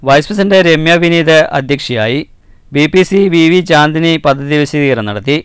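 Smooth, dry-voiced male news reporter. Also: a little high, animated, no room sound. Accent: Malayalam, Kerala. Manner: measured formal reading, drops at sign-offs. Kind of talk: scripted news voice-over.

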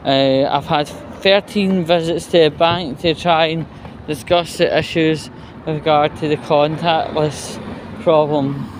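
Recording on a handheld phone while walking outdoors down a residential street, a male vlogger rambles casually, swearing and sounding worn out. His voice is fairly high and steady, his pace slow, with slight background noise plus street sounds and passing vehicles.

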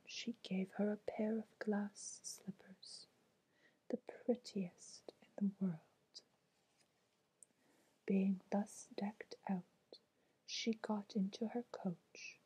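A woman reading a fairy tale aloud in a soft, unvoiced whisper, ASMR style. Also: medium pitch, husky, low-quality recording. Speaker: storyteller.

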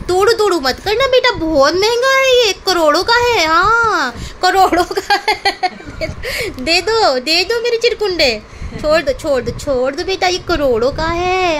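A woman's voice: very high voice, pushed and bright, slight background noise. A woman filming a casual home vlog, talking to her pet dog in playful baby talk and teasing it. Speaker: pet owner vlogger.

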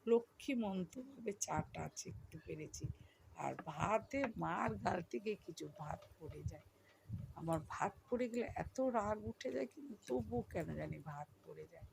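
A middle-aged woman with a Bengali accent and a hoarse voice, chatting to her viewers as she talks over her housework. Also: fairly low pitch, very noisy. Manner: chatty, addresses viewers as friends. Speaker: vlogger. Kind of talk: casual voice-over of household chores.

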